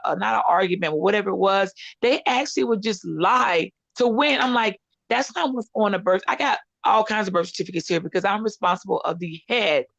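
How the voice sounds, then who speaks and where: An American woman in middle age speaks her opinions casually but emphatically, with a sarcastic, scolding edge. Her voice has a lot of fry, and the sound is dry and slightly muffled, like lo-fi online audio. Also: mid-range voice, no echo. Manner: sarcastic, scolding, emphatic, mimics opponents in argument. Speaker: online panel participant.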